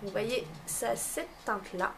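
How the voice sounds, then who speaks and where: A woman's voice: mid-range voice, lively intonation, a little slow, background noise. A young woman casually reviewing beauty products from a subscription box, hesitant, with many fillers and restarts. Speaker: beauty vlogger.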